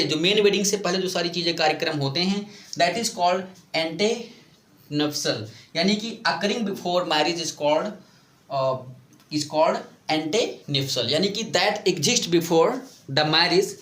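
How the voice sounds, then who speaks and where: A man teaching English vocabulary in Hindi mixed with English, explaining slowly, repeating words and asking his students questions. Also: sits high, fairly bright tone, roomy sound.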